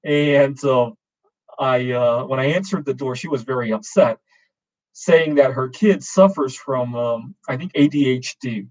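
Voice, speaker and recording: A man's voice: mid-range voice, a little slow, a little mellow, rough recording. A man in his forties hosting a casual open-camera chat, rambling with many fillers and restarts. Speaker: show host.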